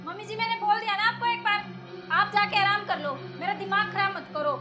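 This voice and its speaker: A woman playing a scheming, sharp-tongued daughter-in-law. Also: extremely high pitch, fairly even intonation, fairly quick, over music. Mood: scornful. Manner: curt, dismissive, scolding. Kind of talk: family drama skit.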